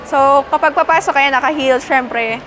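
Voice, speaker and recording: A woman's voice: sits high, normal speed, over music, poor audio. A young woman from the Philippines giving a casual walkaround review from inside a passenger van, chatty and demonstrative as she points out each feature. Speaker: car review presenter.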